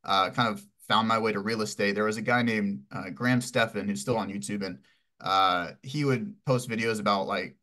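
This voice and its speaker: A young man in his twenties, from Texas, tells his own story as a podcast guest. His voice sits a bit low, and he rambles from one thought to the next with plenty of fillers. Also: steady tone, moderate pace, sharp tone. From Houston, Texas. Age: 20s. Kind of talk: casual interview answers.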